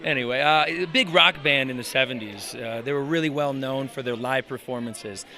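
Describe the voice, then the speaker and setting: A man's voice: medium pitch, normal speed, creaky, a crowd in the background. A man, a screenwriter, chatting informally as an interview guest on a red carpet. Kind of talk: casual red carpet pitch of own film.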